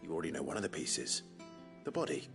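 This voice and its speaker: A man playing a calm, courteous guardian and mentor in a fantasy drama, speaking in a measured, gently instructive and formal way. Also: a bass voice, creaky, over music, full character voice. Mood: patient, instructive. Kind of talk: scripted fantasy drama acting.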